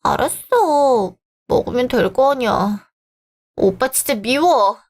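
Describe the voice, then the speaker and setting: A woman's voice: fairly high pitch, big pitch swings, normal speed. A woman voicing a spoiled, sulky young sister-in-law who whines childishly. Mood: whiny.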